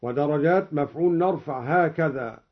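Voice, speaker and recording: A man teaching a recitation lesson, explaining each reading and then chanting the verse in a measured, melodic way. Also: on the high side. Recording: dull lo-fi recording.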